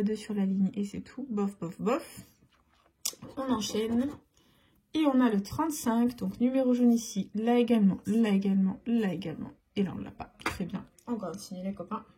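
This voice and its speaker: Breathy, chatty French-speaking woman. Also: mid-range voice. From France. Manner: chatty running commentary, often drops to a soft near-whisper. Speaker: scratch-card vlogger. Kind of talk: casual game commentary.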